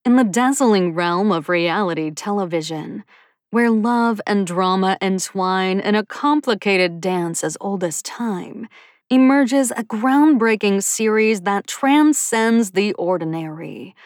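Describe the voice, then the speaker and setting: A woman's voice: mid-range voice, slow pace, no echo, studio quality, lightly acted. A woman doing a sultry, showy TV announcer. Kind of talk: audiobook character voice.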